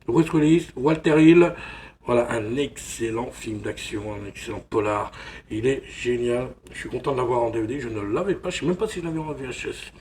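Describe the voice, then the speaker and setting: A man's voice: mid-range voice, lively intonation, brisk, darkish tone, slight background noise. A man from France chatting casually through an unboxing, rambling and constantly saying "voilà". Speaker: film collector vlogger.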